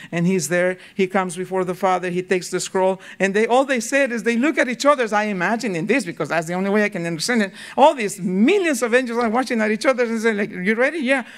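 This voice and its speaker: A male pastor preaching a sermon, telling the story dramatically and swinging between loud bursts and hushed, slow passages. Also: high voice, clear, resonant tone. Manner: repeats words when excited.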